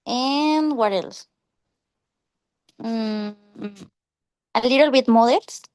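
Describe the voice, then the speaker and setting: A woman whose first language is Spanish practices English in an online class over a video call. She speaks slowly and haltingly, filling pauses with hums and ums while she searches for words. Her voice sits a little high, and the sound is dry and close. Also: darkish tone, no echo. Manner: hesitant, searching for words, many fillers. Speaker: English student.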